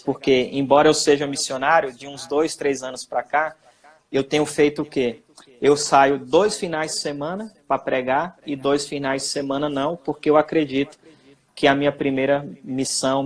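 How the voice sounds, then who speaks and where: Earnest Brazilian man telling a story. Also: medium pitch. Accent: Brazilian Portuguese. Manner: earnest, storytelling with quoted dialogue. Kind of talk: casual testimony.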